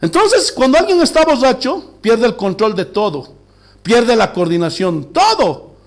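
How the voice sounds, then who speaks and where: Male pastor, sermon delivery in a church, high and animated, keeps quizzing the flock. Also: a little slow. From Bolivia. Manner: preaching with rhetorical questions to the congregation.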